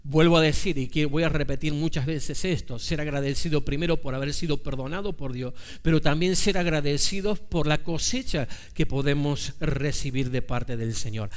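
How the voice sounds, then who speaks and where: A man preaching a sermon as pastor, talking to his congregation in a conversational way, asking rhetorical questions and slowing down to stress scripture quotes. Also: fairly high pitch.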